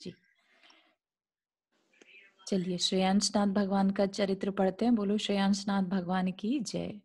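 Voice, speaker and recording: Woman reading and explaining scripture. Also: mid-range voice. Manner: reads a passage, then explains it in simple words with rhetorical questions. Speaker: scripture class teacher. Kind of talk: reading and explaining a religious text.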